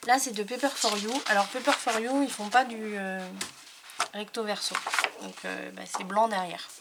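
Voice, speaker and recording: A woman's voice: medium pitch, steady tone, normal speed, gravelly, very noisy. A woman who chats casually and hesitantly as she shows off craft papers she received, with lots of fillers. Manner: chatty, hesitant with many fillers. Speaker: scrapbooking YouTuber. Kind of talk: casual product haul talk.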